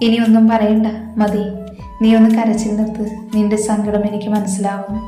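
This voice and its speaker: A patient young husband talks softly and tenderly to his wife, read out by a woman narrator. The tone is mellow and even, with roomy echo and faint music behind. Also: mid-range voice, moderate pace, close to an everyday voice. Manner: soothing, tender.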